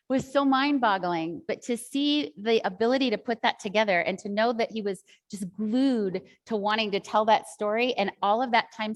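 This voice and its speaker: Here is a woman running a teaching workshop. She talks to fellow teachers in a loose, chatty way and wanders into asides as she tells her classroom stories. Her pitch sits in an ordinary middle range. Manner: chatty, rambling storytelling with many asides. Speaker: teacher trainer.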